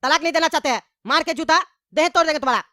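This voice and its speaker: Woman doing a grumpy cartoon husband, bickers fast and high. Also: noisy background, close to an everyday voice. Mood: angry. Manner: rapid angry bickering. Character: hot-tempered grown man, quarrelsome husband and father. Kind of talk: cartoon voice acting.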